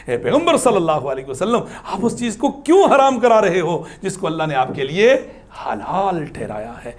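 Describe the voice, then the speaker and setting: Animated male religious teacher. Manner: animated, rises high for emphasis, chants Arabic verses slowly; ends in soft, low supplication. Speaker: Islamic teacher. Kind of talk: religious class lecture.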